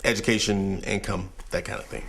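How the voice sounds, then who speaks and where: An actor playing an easygoing young boyfriend who rambles affably, in stage comedy acting. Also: male voice, fairly low pitch, fairly even intonation, fairly quick, vocal fry, fairly bright tone, slightly rough, full character voice. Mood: affable. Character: easygoing young male boyfriend meeting the family.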